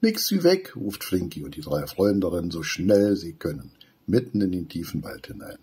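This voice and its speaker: A man narrating a children's story, reading aloud with animated delivery. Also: deep voice, normal speed, breathy edge.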